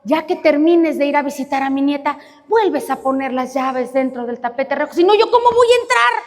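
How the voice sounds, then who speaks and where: A woman's voice: sits high, animated, normal speed. A woman playing a poor, desperate old grandmother who pleads insistently for help. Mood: explaining. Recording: reverberant hall.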